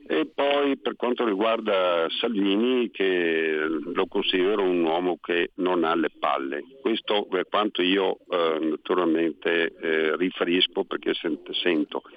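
Loud deep-voiced man over the phone. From Vicenza area, northern Italy. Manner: loud, halting with many fillers. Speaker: radio call-in caller. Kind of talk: call-in opinion. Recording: tinny phone line, dry.

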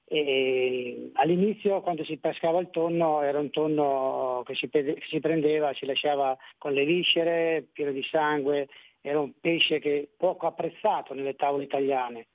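A man who is a tuna fisherman, speaking as a guest on a radio show over the phone, in a lively way with restarts. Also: fairly high pitch, moderate pace. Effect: heard over the phone. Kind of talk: casual radio phone-in chat. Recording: tinny phone line.

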